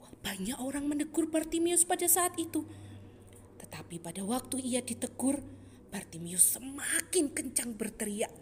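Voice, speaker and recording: Lady telling a bible story to kids, lively, kinda high voice. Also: normal speed, slight background noise. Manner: lively, expressive narration. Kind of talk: storytelling for children.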